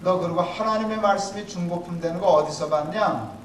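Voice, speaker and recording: Preacher doing god scolding someone, stern and fed up, a bit higher, echoey hall. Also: male voice, a little fast, a little hiss or hum, lightly acted. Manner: rebuking. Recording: echoey hall, mic from a distance.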